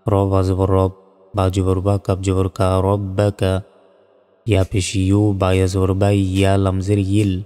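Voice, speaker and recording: A man teaching Quran reading, spelling out Arabic syllables one by one and then reciting the verse slowly. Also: low voice, completely flat delivery, dark tone, big-room sound.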